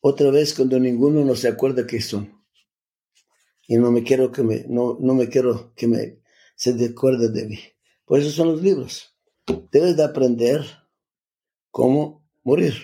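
Older man telling his story, halting. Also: mid-range voice, steady tone, warm tone. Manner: halting, restarts often, salty slang. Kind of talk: personal storytelling, casual.

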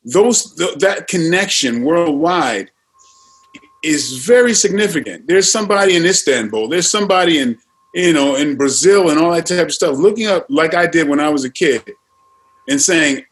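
A man, a martial arts actor on a panel, speaking earnestly with many halting fillers. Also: on the high side, animated, rough recording. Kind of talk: panel discussion.

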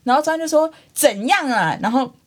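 A woman's voice: sits high, lively intonation, brisk. A woman co-hosting a podcast, telling a story animatedly and acting out the quoted lines. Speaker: podcast co-host. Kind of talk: casual chat.

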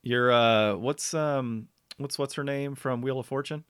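A man hosting a casual podcast, chatting loosely with plenty of fillers and quick laughs. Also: mid-range voice, a bit bright, smooth, no room sound, clean studio sound. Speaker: podcast host. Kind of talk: casual chat.

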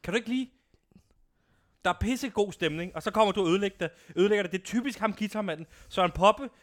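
A young man hosting a comedic radio show, loud and boisterous with a self-important swagger. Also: high-pitched. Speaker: radio host. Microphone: studio microphone.

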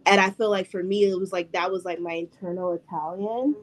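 A woman's voice: lowish voice, fairly even intonation, fairly quick, crowd noise. Chatty woman host, "like"-heavy storytelling. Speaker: podcast host. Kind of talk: casual interview chat.

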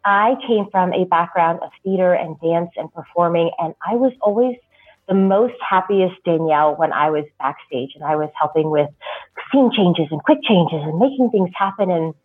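A woman with a lower, somewhat husky voice tells a personal story in a relaxed, rambling way, full of ums and restarts. Her sound is thin and metallic, like talking through a tin can, picked up by a built-in laptop microphone. The recording is tinny and lo-fi. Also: moderate pace. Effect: tinny metallic tin-can sound from a laptop mic. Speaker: wedding planner, podcast guest. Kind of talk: podcast interview, personal story. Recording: tinny lo-fi laptop mic audio.

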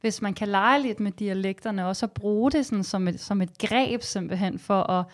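A woman with a medium-pitched voice who hosts a podcast and asks her guest questions. She speaks in a curious, somewhat hesitant way and often rephrases herself. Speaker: podcast host, interviewer. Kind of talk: casual interview questions.

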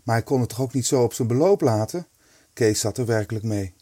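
A man narrating a storybook in a lively, expressive reading. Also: mid-range voice, brisk, no room sound, studio quality.

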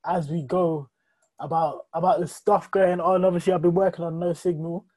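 High-pitched, husky man chatting. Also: steady tone, moderate pace, a little mellow. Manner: slangy, repeats phrases for emphasis. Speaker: podcast guest. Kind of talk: casual chat.

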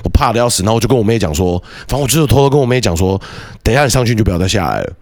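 A man tells a story from his childhood in a casual podcast chat. His delivery is quick and animated, and his pitch rises and falls widely. He often repeats words and restarts his sentences.

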